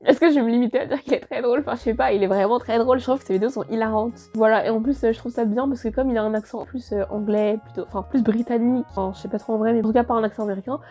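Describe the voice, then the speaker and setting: A young woman talks fast through a casual year-in-review vlog, gushing about what she loved and cutting herself off mid-sentence. Her voice sits a little high but sounds mellow and dark. Soft music plays quietly underneath. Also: fairly even intonation. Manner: gushing, rambling, self-interrupting. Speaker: vlogger.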